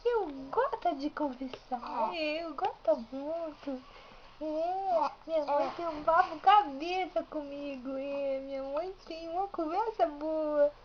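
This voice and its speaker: A woman's voice: high-pitched, takes it slowly, dull audio, slight background noise. A mother voicing her grumpy baby boy. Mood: pleased. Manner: baby talk, speaking his thoughts aloud. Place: home.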